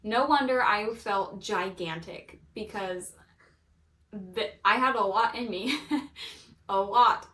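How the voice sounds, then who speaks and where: A woman's voice: mid-range voice, takes it slowly, fairly bright tone. A woman in her thirties telling the story of her baby's birth in a casual, gushing way, laughing often. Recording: echoey room, mic at a distance.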